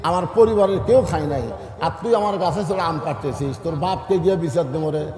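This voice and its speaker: A high, indignant orchard owner, as a preacher acts him out in his sermon, berating a boy up a tree. The voice rings through a long, echoing outdoor reverb. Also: fairly quick, mellow, natural voice. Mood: scolding. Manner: scolding, indignant. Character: angry middle-aged male orchard owner.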